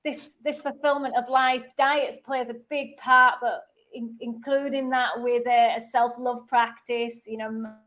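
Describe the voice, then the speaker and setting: A woman's voice: a little high, steady tone, a bit bright. A woman interviewing over a video call, her audio choppy and cutting out mid-word as she halts and trails off. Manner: halting, trailing off with broken-off words.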